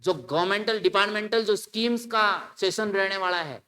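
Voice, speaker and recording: A male teacher gives an animated exam-prep grammar lecture, mixing in English and acting out his students' questions. His voice is high-pitched and his pace normal.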